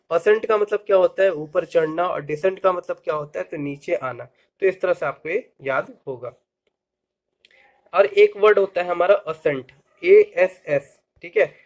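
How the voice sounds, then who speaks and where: Man teaching vocabulary with mnemonics. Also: sits high. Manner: explains with rhetorical questions and mnemonics; spells words out slowly letter by letter. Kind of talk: vocabulary lesson.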